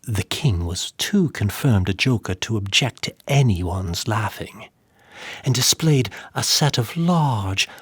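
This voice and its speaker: A man reading narration of a dark tale in a dramatic manner. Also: fairly low pitch, animated, slow pace, breathy edge, no room sound.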